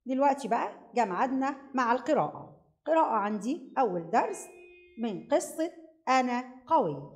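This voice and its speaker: A woman's voice: on the high side, animated, a little fast. A woman with an Egyptian accent teaching a primary school Arabic review lesson, asking questions and praising the answers.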